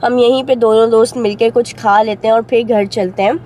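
A woman's voice: on the high side, fairly even intonation, brisk, dark tone. A young woman from Pakistan chatting casually to a phone camera held at arm's length, telling her story in a car and at a salon. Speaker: vlogger. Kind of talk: casual vlog chat to camera. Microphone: handheld phone camera at arm's length. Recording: noisy street and car background.

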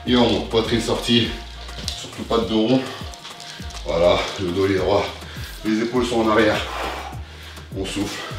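A young man whose voice sits on the low side coaches a workout as he trains, encouraging people with short, motivating directions. This young adult fitness coach is indoors in a living room. The room is very echoey, the mic is far away, and clear music plays in the background.

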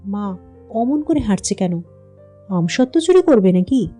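Calm woman storyteller with mellow voice. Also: mid-range voice, unhurried, soft background music. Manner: calm, even reading. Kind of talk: scripted story narration.

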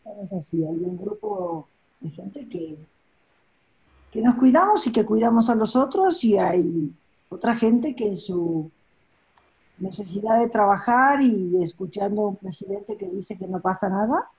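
An older woman from Argentina talks thoughtfully over a laptop webcam from a home office. Her voice is mellow and breathy, and she pauses often to gather her thoughts. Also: mid-range voice, animated, low-quality recording. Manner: thoughtful, reflective, with frequent pauses and fillers. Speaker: coaching expert guest. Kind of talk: webinar conversation. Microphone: laptop webcam on a video call.

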